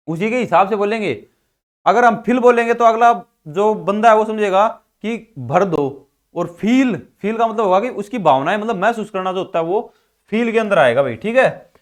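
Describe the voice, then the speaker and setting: A male teacher, lecturing a class and answering his own questions, with a steady "ठीक है भाई". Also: high voice. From Haryana, India. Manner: repeats questions and answers them himself, frequent "ठीक है भाई". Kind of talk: classroom lecture explaining English pronunciation.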